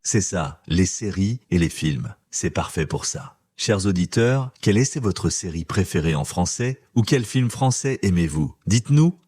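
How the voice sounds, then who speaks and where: A man co-hosting a learners' podcast, speaking clearly and encouragingly like a teacher. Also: sits low, animated, a little slow, few pauses, a little mellow, no echo. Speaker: podcast co-host. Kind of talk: scripted podcast dialogue for learners.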